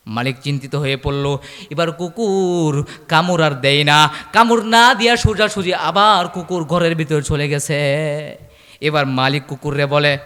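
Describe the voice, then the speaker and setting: Chanting preacher in a ringing hall. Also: male voice, on the high side, moderate pace. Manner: chanted, repetitive storytelling with loud exclamations. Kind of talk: Bengali waz sermon storytelling.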